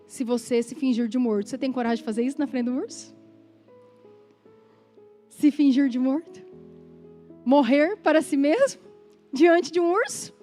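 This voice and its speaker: Brazilian woman pastor, high voice, chatty animated sermon delivery. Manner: animated, conversational preaching with asides and laughter. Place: church.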